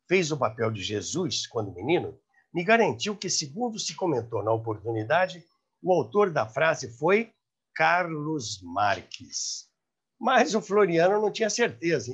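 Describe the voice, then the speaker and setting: Telling anecdotes to camera with theatrical emphasis, a man in his seventies with a Brazilian accent works as host and storyteller. His voice is mid-range and slightly rough. The recording, made on a clip-on lapel mic, sounds muffled.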